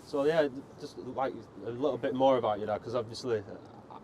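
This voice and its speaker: A man's voice: medium pitch, moderate pace, a crowd in the background. A man hosting a casual interview, friendly and informal, who calls his guest "mate". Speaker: host.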